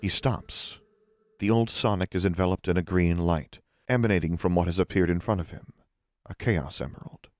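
A man narrating the scene directions of an audio drama in a plain, measured reading. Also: deep voice, darkish tone, no room sound, clean studio sound. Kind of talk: scripted narration of stage directions.

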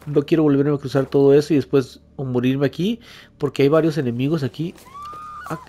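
A man's voice: on the high side, a little fast, warm tone. A man, casually commenting as he plays a game, yelping and swearing when startled. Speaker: let's play host.

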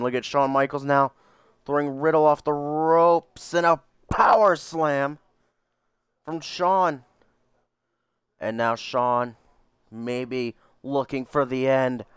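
A man calling play-by-play like a wrestling commentator, with dramatic, excitable calls and casual asides. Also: fairly high pitch, clean tone, no echo, studio quality. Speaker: video game player commentating on a wrestling match.

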